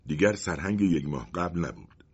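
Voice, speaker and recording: A man narrating a story in an expressive, dramatic way with a husky voice. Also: sits low, lo-fi sound.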